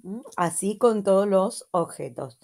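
A woman with an Argentine Spanish accent, teaching and reviewing English words for children patiently, checking in with soft "mm?" prompts. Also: mid-range voice, animated, creaky. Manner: slow, patient, repeats words and adds checking "¿mm?". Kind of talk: slow lesson review for children.

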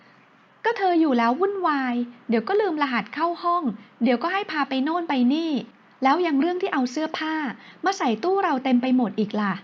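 A flustered, sharp-tongued young woman who snaps and gives orders when cornered, as a woman reads her lines. The voice is high and bright-toned but comes through dull and lo-fi. She sounds exasperated and a little bossy. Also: expressive, brisk. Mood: impatient.

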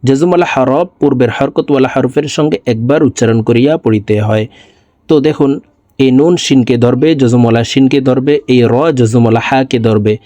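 A man teaching Quran recitation, spelling out syllables slowly and explaining pronunciation rules to viewers. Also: mid-range voice, mellow, no room sound. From Bangladesh. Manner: slow melodic chanted recitation.

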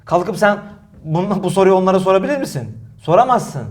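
A young man preaching in a mosque, answering a critic forcefully, with many rhetorical questions and repeated phrases. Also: sits high, animated, a little fast. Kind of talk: heated religious talk, defensive.

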